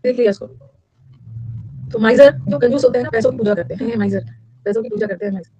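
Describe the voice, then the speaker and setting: A middle-aged woman, teaching vocabulary in a lecture and drilling words with quick repetition and questions to her students. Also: on the high side, mellow, slight background noise, poor audio.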